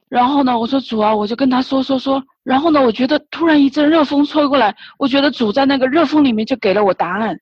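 A woman's voice: a little high, breathy edge, no room sound. A woman giving an emotional personal religious testimony, retelling her prayers with many repeated words and restarts. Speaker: church member giving testimony. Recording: dull lo-fi recording, dry.

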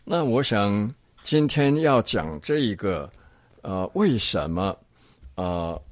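Slow, deliberate older male Bible teacher. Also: lowish voice, very animated, no room sound. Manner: slow and deliberate, stretching words when reading passages aloud; frequent restarts and hesitations. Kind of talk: unscripted church teaching lecture.

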